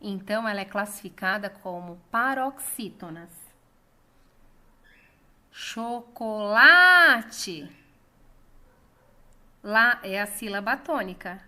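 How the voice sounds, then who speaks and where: A woman with a Brazilian Portuguese accent teaching a lesson, calling out words slowly and drawing out the stressed syllable. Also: mid-range voice, sharp tone. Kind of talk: slow, clear classroom lesson.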